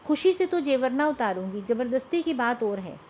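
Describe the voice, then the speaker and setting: A woman's voice: sits high, lively intonation, moderate pace, a little mellow, slight background noise. A woman voicing a bold, stubborn young village wife who speaks firmly. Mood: defiant. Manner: defiant, firm.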